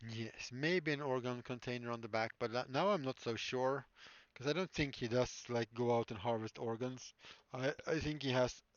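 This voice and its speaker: A man's voice: medium pitch, moderate pace, hardly any pauses, no room sound. A man chatting casually on a livestream while building props, rambling and musing with many fillers. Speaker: prop maker livestreamer. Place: workshop. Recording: dull lo-fi stream audio, dry.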